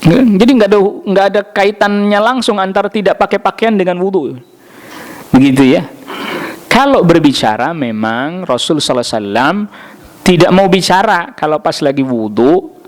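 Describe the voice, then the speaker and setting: Lively, animated preacher man. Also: fairly high pitch. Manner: lively storytelling with jokes and acted quotes; answers audience questions directly. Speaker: Islamic preacher. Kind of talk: mosque study lecture. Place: mosque.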